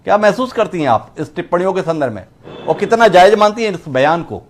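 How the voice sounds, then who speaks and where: A man's voice: sits high, animated, quick pace. A man hosting a news debate, putting rhetorical, sardonic questions to his guests. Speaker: TV debate host.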